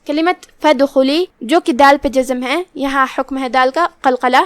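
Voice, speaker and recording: A woman teaching Quran recitation, explaining each letter methodically and reciting verses slowly. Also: high voice, a bit bright, dry recording. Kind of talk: tajweed lesson with slow recitation.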